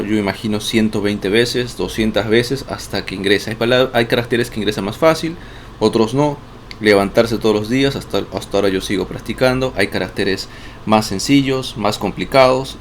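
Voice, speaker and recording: Gravelly low-voiced man teaching. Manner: chatty, repeats words, frequent tag questions. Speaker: Mandarin teacher. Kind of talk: casual online lesson. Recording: faint background noise.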